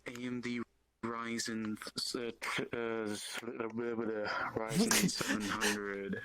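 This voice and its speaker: A man chatting casually as a podcast co-host over an online call, his audio choppy with word endings cutting out, halting with fillers and restarts. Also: medium pitch, heavy background noise. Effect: choppy online call audio with cut-off endings. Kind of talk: casual tech chat.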